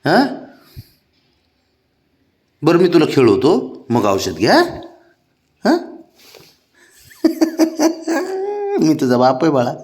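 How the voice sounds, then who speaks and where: A man's voice: medium pitch, huge pitch swings, slow, pauses often, darkish tone. Man coaxing cats in sing-song baby talk. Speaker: cat owner. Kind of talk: casual vlog talk to pets.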